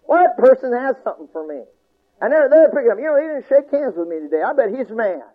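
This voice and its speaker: Preacher doing a whiny sorry-for-himself old self, sulky and low, thin tinny radio sound. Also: male voice, very animated, fast, full character voice. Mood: self-pitying. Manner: whining, complaining, low and grumbling. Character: whiny self-pitying "old man" sinful self.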